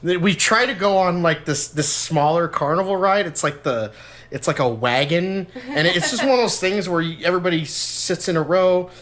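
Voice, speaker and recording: Animated young man telling a story. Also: normal speed. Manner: animated, swearing, jumps into high-pitched shouts when quoting. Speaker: podcast host. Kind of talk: casual storytelling. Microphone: podcast mic, low-quality audio.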